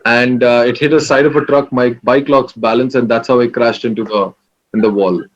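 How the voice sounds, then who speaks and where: A man in his late twenties from Kerala, India, telling his story in a relaxed, rambling way full of fillers. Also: mid-range voice, a little fast, lo-fi sound. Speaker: interview guest. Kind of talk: casual interview.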